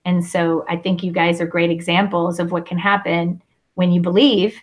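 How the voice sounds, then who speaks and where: A woman's voice: lowish voice, level tone, normal speed. Woman moderating a teacher panel. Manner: warm shout-outs, thinking aloud with fillers. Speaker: panel host.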